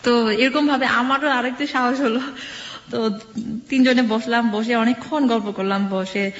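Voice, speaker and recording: A woman's voice: a little high, fairly even intonation, moderate pace. A young woman from Khagrachhari telling her life story on a radio show in a conversational way, full of fillers, acting out what others said. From Khagrachhari, Bangladesh. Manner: conversational, acts out others' words, many fillers. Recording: dull, roomy studio sound.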